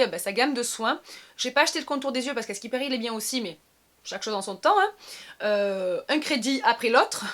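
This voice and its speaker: A young woman talks through her skincare routine in a relaxed vlog style. Her voice sits a little high. She hesitates often and fills the gaps with small sounds. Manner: chatty, many hesitant fillers. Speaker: beauty vlogger.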